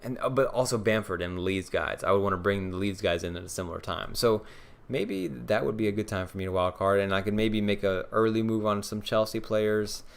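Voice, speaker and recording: A young man with a lowish voice chats on a live stream, answering viewers. He thinks aloud in a loose, casual way, full of ums and restarts. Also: fairly quick, gravelly, hardly any pauses. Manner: casual, answers viewer questions, many fillers. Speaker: fantasy football streamer.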